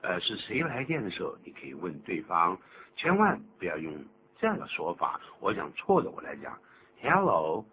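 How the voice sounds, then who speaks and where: An older man hosting a radio English lesson, explaining phrases in an animated, teacherly way. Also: sits low, fairly quick. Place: radio studio. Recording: tinny lo-fi radio broadcast with faint hum.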